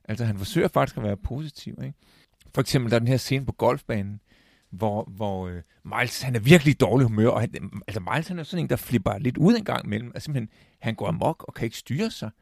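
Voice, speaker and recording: A man with a gravelly voice in a casual film talk, halting with restarts and fillers as he retells scenes. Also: medium pitch, lively intonation, a little mellow, no room sound, clean studio sound.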